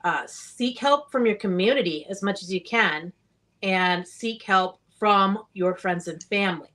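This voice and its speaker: A woman's voice: mid-range voice, a little slow, a bit bright. Guest, woman author; earnest, encouraging, plainspoken interview answers.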